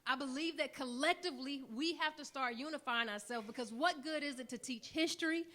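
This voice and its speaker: A woman with a fairly high voice speaks on a conference panel, earnest and persuasive. She builds her points up into rousing, repeated lines, and her talk is addressed to a room full of listeners. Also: brisk, pushed and bright.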